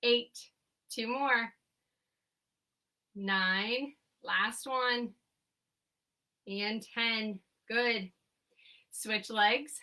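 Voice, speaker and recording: A young woman with a high-leaning, steady voice leads a seated exercise class from home as a remote session, counting reps aloud and calling out upbeat coaching cues. She speaks very slowly, pausing often, in a pushed, bright tone. The mic sits some distance away, so she sounds far off.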